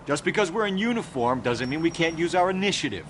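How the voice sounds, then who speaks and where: An actor voices an eager young male patrolman in a period crime game who likes to lecture. His pitch is fairly high and swings a lot. Clear game noise sits behind him. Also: expressive, fast, natural voice. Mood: lecturing. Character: eager young male uniformed police officer.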